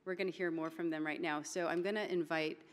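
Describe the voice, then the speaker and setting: A woman's voice: low-pitched, steady tone, fast talker. A woman from Hawaii, moderating a conference panel in an informal way and mixing in words. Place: conference hall stage. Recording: long reverb of a large hall.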